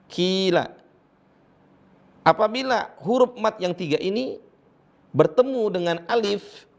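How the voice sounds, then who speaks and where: A man with an Indonesian accent teaching Quran recitation rules, explaining each point and then chanting the verse slowly for students to repeat. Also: fairly high pitch, creaky. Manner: asks and answers his own questions, praising students. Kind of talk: tajwid lesson with recited examples.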